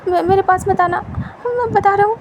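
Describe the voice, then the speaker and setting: A woman's voice: extremely high pitch, normal speed, slight background noise, pitched above the performer's own voice. A woman voicing a frightened young man who begs and pleads with his captor. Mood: pleading, panicked. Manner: panicked, begging, breaking into cries.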